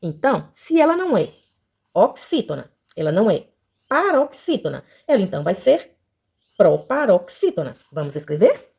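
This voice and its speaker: A woman teacher with a Brazilian accent speaks to young children with a bouncing, very expressive pitch. She draws out words slowly and sings syllables to make them easy to follow. Her voice sits at an ordinary middle pitch. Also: vocal fry, breathy edge. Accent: Brazilian Portuguese. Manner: slow, sing-song syllables for children. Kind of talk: children's lesson.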